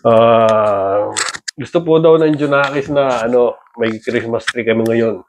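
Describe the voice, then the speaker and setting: A man's voice: mid-range voice, unhurried, slight background noise, rough recording. A middle-aged father filming a casual family vlog, playful and teasing, often laughing. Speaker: father and vlogger.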